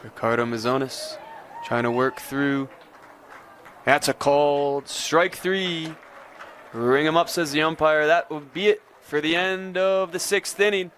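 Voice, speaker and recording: A man's voice: on the high side, steady tone, measured pace, a bit bright, slight background noise. A man giving live play-by-play baseball commentary as a sports announcer.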